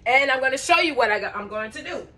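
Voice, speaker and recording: A woman's voice: high voice, expressive, quick pace, bright, forceful tone. A woman cooking at home and chatting casually to her viewers, often calling them guys and y'all as she works. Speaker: cooking vlogger. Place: home kitchen.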